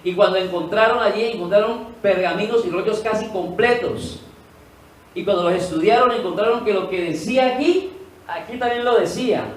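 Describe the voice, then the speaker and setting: Heard from afar in a reverberant room with faint ambience, a male pastor preaches at a moderate pace in a voice that sits high. He asks the congregation questions, supplies the answers himself and stresses key words by repeating them.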